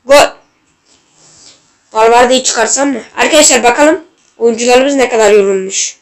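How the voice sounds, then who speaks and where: Excitable high-voiced woman commentating gameplay. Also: normal speed. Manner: excitable, shouts at the game and referee. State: slightly ill. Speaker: gaming channel host.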